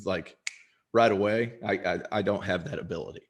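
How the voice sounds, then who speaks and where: A man's voice: low voice, normal speed, breathy edge. A young man and former college player talking casually in an interview, chatty and self-deprecating, with frequent restarts. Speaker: podcast host and former college basketball player.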